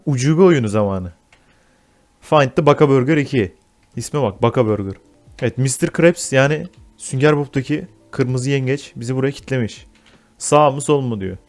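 A young man giving casual horror game commentary, swearing a lot and yelping and shouting when he gets startled. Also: medium pitch. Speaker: gaming YouTuber.

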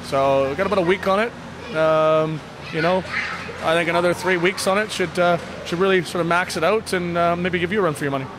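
An ice hockey bench coach in his thirties gives a casual, candid post-game interview into a handheld microphone, speaking quickly in a fairly high voice. His delivery is plain and halting, and he doubles back on words. He's in an indoor sports hall with blue block walls, and venue noise is clearly audible.

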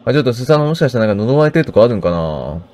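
A man's voice: medium pitch, rapid-fire. A man giving casual, joking commentary as he plays a game. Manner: relaxed, joking asides. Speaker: game streamer.

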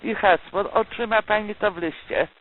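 A woman working as a telemarketer, delivering a polite, persuasive, partly scripted sales pitch and checking often for agreement. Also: normal speed. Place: recorded phone call. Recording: tinny phone line with loud noise.

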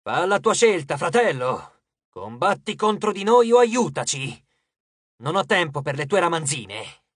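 A man doing a loud, boastful Titan lord. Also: a little high, sing-song, husky, dry recording, clean studio sound, exaggerated voice. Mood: impatient. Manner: loud, boastful, shouting, drawn-out words. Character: boastful, hot-tempered male Titan lord of dawn.

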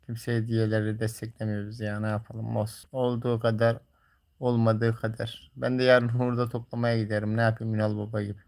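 A man's voice: on the low side, completely flat delivery, a little fast, vocal fry, a little mellow. A man livestreaming, talking casually and colloquially to viewers in a grumbling, teasing way. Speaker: live streamer.

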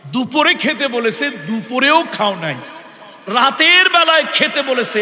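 A man's voice: very high-pitched, bright, forceful tone. A man preaching an Islamic sermon, emphatic, repeating phrases and putting questions to his listeners. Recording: echoey hall.

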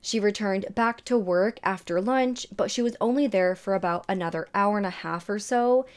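A woman's voice: mid-range voice, normal speed, clear, resonant tone. A woman hosting a true crime show, recounting a case in a casual storytelling way with personal asides. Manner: conversational, adds personal asides.

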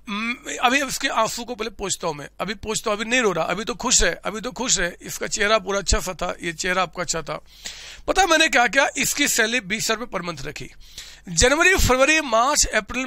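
A male teacher with a very high, sharp voice lectures on accountancy, spinning a story for his students. He repeats his phrases and addresses the class as children. The recording is close and dry, with no room echo.

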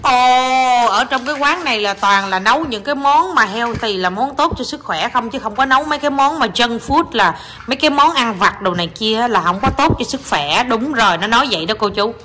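A woman talks in a fairly high, lively voice as she plays pretend with her child. She chats and teases, often breaking into laughter. The home recording carries steady background noise. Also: brisk. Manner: chatty and teasing, often laughing. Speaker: mother playing with her child. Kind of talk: casual home vlog, playful pretend play.

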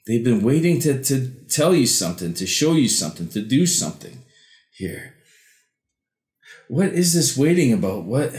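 A man giving an improvised mystical horoscope reading as a tarot reader, halting and repeating words as he interprets. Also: mid-range voice, darkish tone. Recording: roomy echo.

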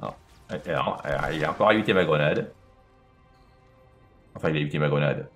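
A man's voice: extremely low pitch, a little fast, faint music behind. A man casually commenting on his own video game play, chatting to himself and to the enemies on screen.

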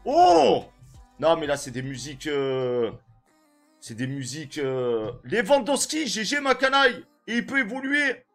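A young man with a French accent, a gaming streamer giving slangy pack opening commentary and shouting when a good card comes up. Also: on the high side, expressive, moderate pace, faint music behind.

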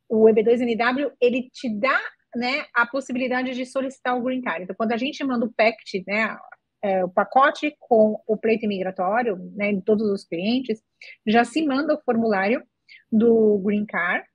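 A woman's voice: on the high side, slightly rough, dry recording, lo-fi sound. A woman from Brazil interviewing a client over a video call, asking questions and explaining the process in an upbeat way. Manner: explanatory, upbeat, short backchannels. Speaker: interviewer for an immigration firm.

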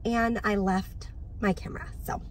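A woman's voice: mid-range voice, fairly even intonation, moderate pace, slight background noise. A woman in her thirties from Southern California, chatting upbeat in a casual shop-with-me vlog, filmed on a phone at arm's length in a parked car. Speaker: home decor vlogger and mom. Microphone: phone held at arm's length.

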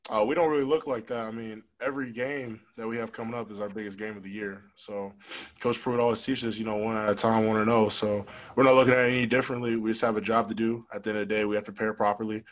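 A man's voice: fairly low pitch, level tone, rough recording. A young man, a college football player, answering reporters at a post-game press conference in a frank, conversational way, speaking into a desk microphone. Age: young adult. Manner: frank, fast, conversational with many fillers. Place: press room with logo backdrop. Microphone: desk microphone on stand.

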